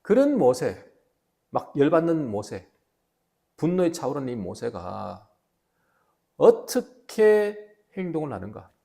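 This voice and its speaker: A male pastor with a Gyeongsang Korean accent, preaching a sermon with emphatic, animated storytelling. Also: mid-range voice, moderate pace, gravelly. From Gyeongsang region, South Korea.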